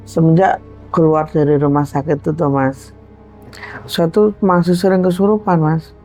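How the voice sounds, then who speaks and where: A woman's voice: low voice, steady tone, measured pace, warm tone, faint music behind. A woman with a Javanese accent animatedly telling her own supernatural story and acting out the voices in it. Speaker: guest storyteller.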